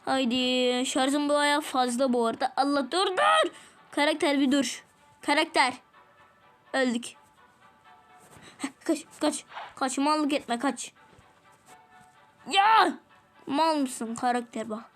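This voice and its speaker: High-voiced excitable Turkish gaming host. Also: female voice, slow, long pauses, low-quality recording. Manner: excitable, talks to viewers, groans and exclaims at the game. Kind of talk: let's-play gameplay commentary. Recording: loud game music behind the voice.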